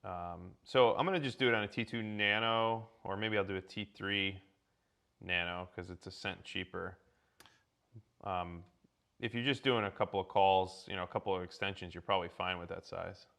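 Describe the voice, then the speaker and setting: Guy with a deep-ish voice explaining cloud stuff on a live stream, kinda rambly, lots of ums and restarts. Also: fairly even intonation, normal speed, gravelly, fairly bright tone. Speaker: guest presenter. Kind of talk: casual tech livestream walkthrough.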